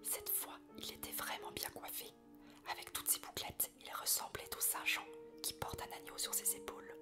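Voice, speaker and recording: A woman whispers a story in a breathy ASMR reading. Her delivery is slow and soft, with piano music playing clearly behind her.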